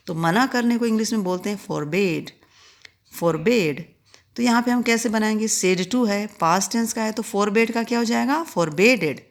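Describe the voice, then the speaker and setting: A woman teacher with an Indian accent, explaining English grammar, reading each example sentence slowly before explaining it. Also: mid-range voice. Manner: reads English examples slowly and clearly, then explains in quick Hindi.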